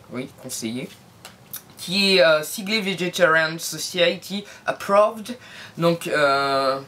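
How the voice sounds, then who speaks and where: A woman's voice: lowish voice, a little hiss or hum. A woman reviewing beauty products in a casual vlog from home, talking to viewers with playful, jokey asides. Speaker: beauty vlogger.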